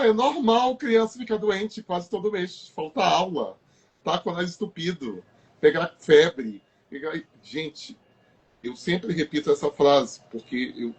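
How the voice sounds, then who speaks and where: A man's voice: on the high side, slightly rough. A man hosting a live health stream, emphatic and repeating his key phrases. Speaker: host.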